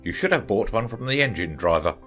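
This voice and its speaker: A man's voice: fairly low pitch, expressive, a little fast, fairly bright tone, slightly rough, soft background music. A man playing a stern, angry railway guard, brusque and official, in a dramatized audiobook.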